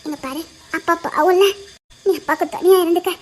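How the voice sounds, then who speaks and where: A woman with a Tirunelveli Tamil accent playing a sad mother who gently coaxes her daughter, speaking soft and low. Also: fairly even intonation, moderate pace. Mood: sad coaxing. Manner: soft, subdued, coaxing.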